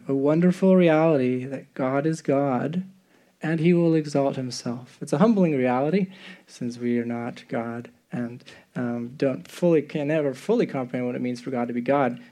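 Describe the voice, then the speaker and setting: A Czech missionary preacher gives a sermon and missions presentation to a congregation. His medium-pitched voice has a dark tone, and his earnest talk is halting, with frequent rephrasing.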